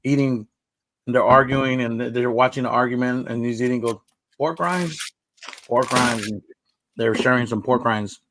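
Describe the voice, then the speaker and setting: Hosting a relaxed, meandering live-stream chat, this man from the United States speaks at a normal speed with a flat, mid-range voice that's slightly bright. The audio is dry and rough.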